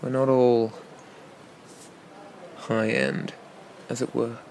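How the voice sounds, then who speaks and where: Man playing a slow, gravelly flirty pirate captain, ASMR role-play. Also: medium pitch, flat delivery, darkish tone, a little hiss or hum, rough recording. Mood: teasing, courting. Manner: leisurely, teasing, roguish, murmured asides. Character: flirty, teasing gentlemanly male pirate captain.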